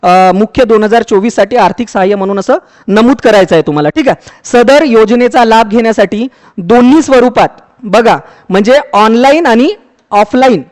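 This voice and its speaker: A man with a very high-pitched voice talks students through an application step by step. He speaks conversationally, often pausing to check in and restarting words. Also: darkish tone. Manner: conversational, repeats "ठीक आहे", frequent fillers and restarts. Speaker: education YouTuber explaining a scheme. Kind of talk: explanatory walkthrough for students.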